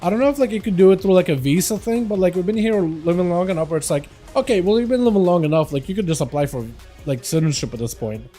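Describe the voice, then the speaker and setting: Faint music plays behind this young male streamer, who has a slight Russian accent and a high voice with lively intonation and a dark tone. He talks fast and chattily while gaming, rambling, answering chat, laughing a lot and peppering his speech with "like."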